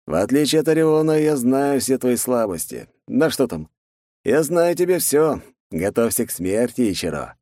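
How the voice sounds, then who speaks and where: Male reader as a cold, mocking rival brother, measured, lively swings in pitch, dry audiobook sound. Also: dry recording, lightly acted.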